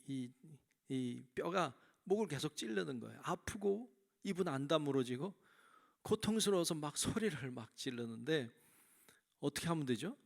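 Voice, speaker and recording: A male pastor with a gravelly, slightly high voice preaches in a church. He tells a fable in a storytelling manner and keeps asking the congregation questions. His delivery is conversational. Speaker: senior pastor. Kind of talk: sermon.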